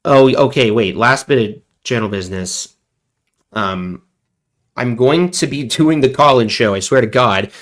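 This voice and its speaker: A man with a medium-pitched, slightly bright voice hosts a casual livestream while sick with a cold. He speaks unhurriedly, rambling and cracking self-deprecating jokes.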